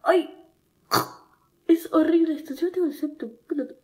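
A woman's voice: very high-pitched, normal speed, warm tone. A young woman with an Argentine accent, talking casually to her followers while stuffy-nosed from a cold, chatty and self-mocking, whining when it hurts. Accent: Argentine Spanish. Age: young adult. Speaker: TikTok creator. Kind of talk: casual vlog chat.

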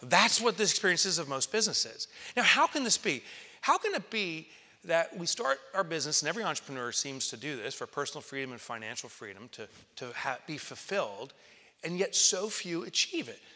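A man in his forties gives a stage keynote, swinging his pitch widely as he tells stories and acts out what people said. His tone is bright and forceful, a little on the high side. A headset mic picks him up in a large hall with a long reverb. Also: fairly quick. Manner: lively storyteller, acts out quotes and jumps to excited highs. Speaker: keynote speaker. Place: large conference hall, on stage in front of an audience.

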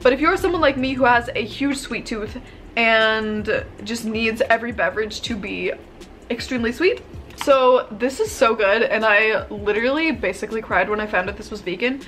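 A young female vlogger in her twenties films a casual haul video in her bedroom, talking to camera in a bubbly, chatty, gushing way full of "like" and "um". Her voice is fairly high and a bit bright, at normal speed, with slight background noise.

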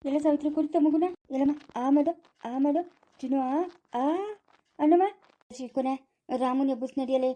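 A woman with a Chikkaballapura Kannada accent, loudly scolding in a rural family skit. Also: high voice, steady tone, normal speed, pauses often. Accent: Kannada, Chikkaballapura area. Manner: loud scolding village dialect.

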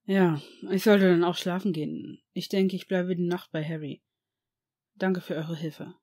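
A reader voicing a stern, brooding man, a potions master and father, speaking low with controlled anger. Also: fairly even intonation, a little slow, a little mellow, natural voice. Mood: weary. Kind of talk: audiobook fan reading.

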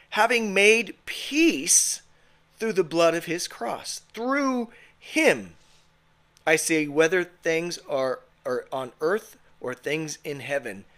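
A man's voice: on the high side, fairly bright tone. A man preaching a sermon at a home fellowship, earnest and emphatic, sometimes restarting a phrase. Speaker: pastor.

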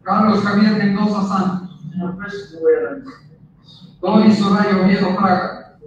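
A man presiding as judge, briskly calling names and moving the hearing along. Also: high voice, a little hiss or hum. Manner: brisk and procedural. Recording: distant, echoey, dull courtroom audio.

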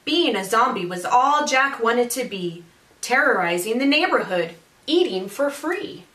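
A teacher in her thirties reads a children's storybook aloud expressively in a high-ish, sing-song, slightly bright voice at a measured pace. She's in a small indoor room with a brick wall, and the camera a few feet away picks up an echoey sound.

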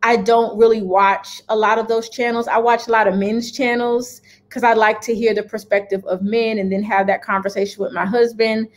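This lifestyle vlogger, a woman in her thirties, talks through her opinions to camera from her home kitchen. Her slightly high voice has little pitch movement and moves at normal speed with few pauses, direct and emphatic, with regular "okay?" check-ins.

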